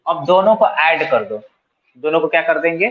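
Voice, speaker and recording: A man's slightly high, animated voice leads a coaching centre math lesson at normal speed, in informal Hindi with a Bihari accent and English math terms mixed in. He works the steps out loud, asking students questions and answering them himself, on lo-fi audio.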